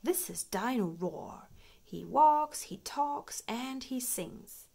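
A beaming fox shopkeeper from a picture book, voiced by a woman. He is helpful and loud, with cheery, raised sales patter. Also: sits high, animated, slow, gravelly, voice pushed up, heavily acted.

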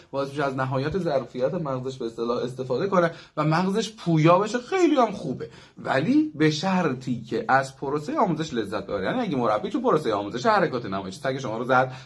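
A man's voice: medium pitch, breathy edge. A young man working as a dog trainer, giving a chatty instructional talk that runs through examples in long lists.

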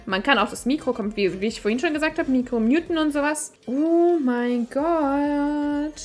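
A young woman streamer chatting casually on a livestream at a desk microphone, overwhelmed and giddy, laughing and squealing often. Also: on the high side. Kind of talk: excited livestream unboxing chat.

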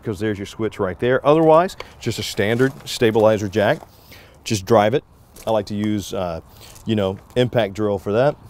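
A man in his forties talks through a casual walkthrough tour with jokey, upbeat salesman patter. His voice sits at an ordinary middle pitch. He is recorded close up inside a small travel trailer. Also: a little mellow. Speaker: RV reviewer.

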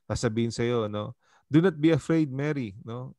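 Filipino pastor guy leading bible study, talks casual, mid pitch, dry room. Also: normal speed, warm tone, dry recording. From Philippines. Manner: conversational, mixing in English, keeps asking "di ba?".

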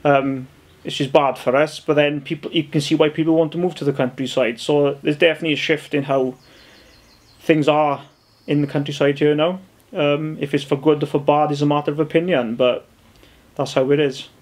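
A young man from Wales in his twenties, giving a thoughtful, measured view in an interview. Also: on the high side, steady tone, a little mellow. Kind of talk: casual interview.

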